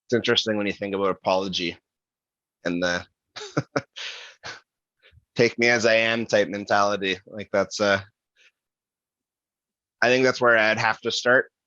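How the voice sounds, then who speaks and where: A man hosting a podcast, reflecting out loud in a casual, halting way with restarts. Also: fairly low pitch, steady tone, no echo, muffled recording. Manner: thinking aloud, halting with restarts and fillers. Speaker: podcast host.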